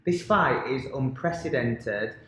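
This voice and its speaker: A man's voice: mid-range voice, animated, slow, fairly bright tone. A man co-hosting a casual podcast, talking enthusiastically with lots of "um"s. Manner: enthusiastic, filler-heavy rambling. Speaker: podcast co-host. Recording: very echoey room, faint ambience.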